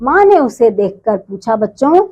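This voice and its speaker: A woman's voice: fairly high pitch, very animated, normal speed, breathy edge, lo-fi sound. A woman teacher reading a storybook lesson to young children, explaining and repeating words for them.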